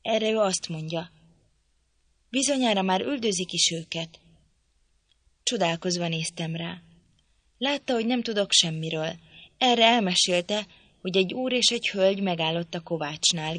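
Low, gravelly woman reading a novel. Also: fairly bright tone, no echo. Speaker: audiobook reader.

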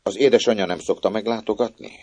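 Man playing a curious kindly young gentleman. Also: fairly low pitch, fairly even intonation, no echo, voice pushed up. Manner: inquisitive, gently questioning.

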